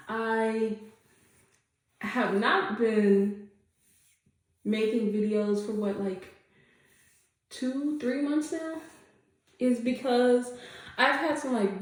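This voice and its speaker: A woman's voice: fairly high pitch, slow, pauses often. Chatty congested woman in an echoey room. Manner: chatty, rambling with many fillers. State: congested, stuffy nose. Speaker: vlogger. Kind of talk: casual update chat. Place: home room. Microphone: camera.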